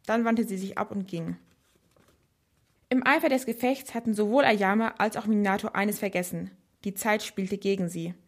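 A woman reading a storybook aloud in an expressive, lively way. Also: mid-range voice, moderate pace. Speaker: narrator.

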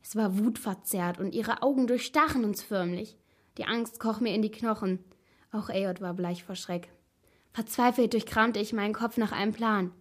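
A woman's voice: mid-range voice, normal speed. Woman narrating a tense storybook. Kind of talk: first-person storybook narration.

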